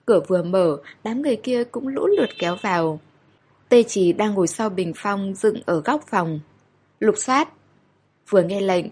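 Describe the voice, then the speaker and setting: A woman reading a story aloud in steady, measured audiobook narration. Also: mid-range voice, husky.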